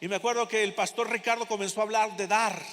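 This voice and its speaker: A middle-aged Mexican pastor preaching to his church, telling a personal story with lively, animated delivery. His voice sits high and bright. A long reverb from the sanctuary trails behind his words. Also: fast talker. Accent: Mexican Spanish.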